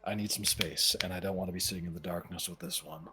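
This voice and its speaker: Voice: low-pitched, steady tone, quick pace, pushed and bright, soft background music. A game master narrating a tabletop game casually, describing scenes and voicing the characters in them.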